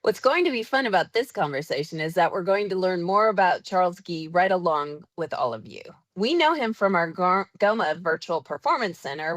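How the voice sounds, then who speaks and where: A woman's voice: lowish voice, dry recording. A woman hosting a podcast, reading a polished, upbeat introduction and then interviewing her guest. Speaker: podcast host.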